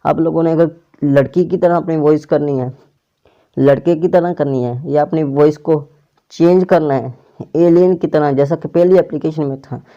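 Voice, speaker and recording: A slightly high yet dark-toned man hosts a casual app tutorial, moving through each step and frequently repeating or rewording his guidance. The audio comes from a clip-on or plugged-in mic and has a dull, muffled lo-fi character.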